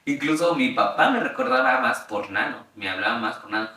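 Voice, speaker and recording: Chatty Mexican man, bright roomy sound. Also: medium pitch, animated, fairly quick. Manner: chatty, laughs often, many fillers. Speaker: interview guest. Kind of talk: casual storytelling. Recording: roomy sound, mic at a distance.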